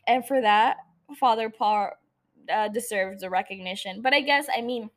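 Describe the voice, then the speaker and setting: A woman's voice: mid-range voice, moderate pace. A woman hosting a casual solo podcast about TV shows, swearing freely and joking irreverently as she rambles and interrupts herself. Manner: rambling, self-interrupting, teasing. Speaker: podcast host.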